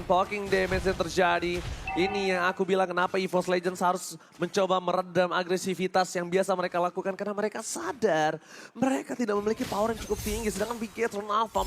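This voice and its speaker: An Indonesian man works as an esports caster, delivering dramatic, excited game commentary. His voice sits extremely high for a man. Music plays clearly behind him. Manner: dramatic, shouts through action calls.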